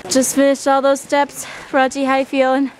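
Over a rough recording with some hiss or hum, a young woman speaks at normal speed in a high-pitched, completely flat voice. Holding the camera at arm's length for her casual travel vlog, she's chatty and giggly, narrating herself and laughing with off-camera friends on a foggy mountain hike and afterward in a pub and car.

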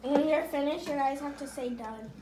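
A woman's voice: high-pitched, moderate pace, noisy background. A woman chatting casually as timekeeper, calling out the rules of a food challenge. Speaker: timekeeper off camera. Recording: echoey kitchen, clattering dishes.

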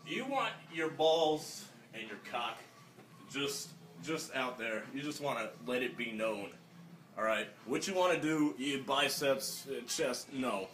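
A man's voice: mid-range voice, far from the mic, a little hiss or hum, close to an everyday voice. A young man playing a brash, crude 1980s fitness instructor in a swaggering, rambling comedy sketch. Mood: cocky, boastful. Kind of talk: improvised mock-interview comedy sketch. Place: small indoor room. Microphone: phone camera a few feet away. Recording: echoey room, off-mic phone video.

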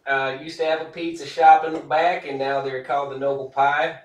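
A man's voice: on the high side, flat delivery, fairly quick. A man speaking casually as a podcast guest, slangy, loose and joking. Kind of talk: casual chat. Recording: roomy sound from a distance.

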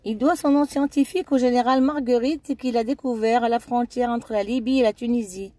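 A woman narrates a scripted documentary in a steady reading voice. Her tone is warm and mellow rather than bright. The recording is dry and close. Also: fairly high pitch, a little fast, no echo. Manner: steady reading with occasional slips. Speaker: narrator of a documentary-style video.

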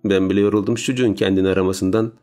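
A man narrating a story in a calm, steady audiobook reading. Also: low-pitched, very fast. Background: soft music.

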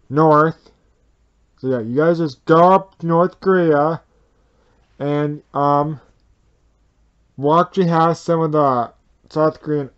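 A man's voice: a little high, dull audio. A man improvising a plush-toy drama in a bedroom, talking in a rambling, swearing way with many restarts into a nearby phone camera. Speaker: puppeteer voicing plush toys. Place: bedroom full of plush toys.

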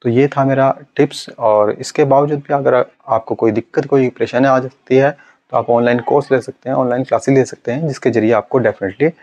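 A young man, a speech therapist, teaching in a slow, deliberate way and stretching out his syllables. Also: medium pitch, steady tone, darkish tone, muffled recording. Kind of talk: instructional video.

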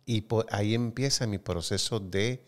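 A man hosting a casual chat, joking playfully and telling stories at a measured pace. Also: on the low side. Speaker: host.

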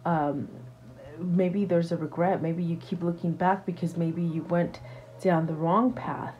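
A woman giving a casual tarot reading to her viewers, halting often with fillers and restarts and speaking reassuringly. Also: on the low side, steady tone, mellow, lo-fi sound. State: hiccups. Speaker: tarot reader.

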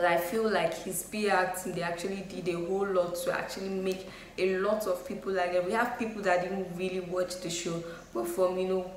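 A young woman giving her opinions in a casual vlog, talking loosely with lots of fillers. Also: lowish voice. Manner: chatty, frequent "you know" and "um" fillers. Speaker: YouTube vlogger. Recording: echoey room with faint noise.

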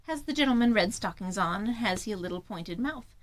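A woman's voice: mid-range voice, lively intonation, brisk, close to an everyday voice. A woman voicing a vain widowed vixen who gives orders in an imperious manner. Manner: imperious, demanding.

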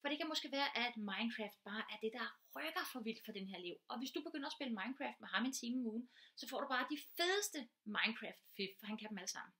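An earnest woman teacher gives an informal lecture. Her voice sits a little high, and she explains patiently, piling up concrete everyday examples to make each point clear. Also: lively intonation, hardly any pauses, pushed and bright.

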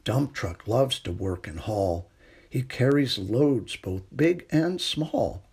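A middle-aged man reading a children's picture book aloud in a gentle, unhurried bedtime manner, with a husky, creaky voice. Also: mid-range voice, animated. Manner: gentle, unhurried bedtime delivery with hushed refrains. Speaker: storytime reader.

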